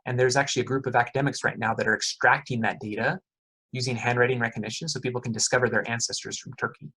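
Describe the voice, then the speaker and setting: A middle-aged economics professor delivers a relaxed, friendly lecture, questioning the class and saying "uh" and "okay" constantly. His mid-range voice is bright, forceful, and slightly rough, steady in tone and quick in pace. The recording is rough.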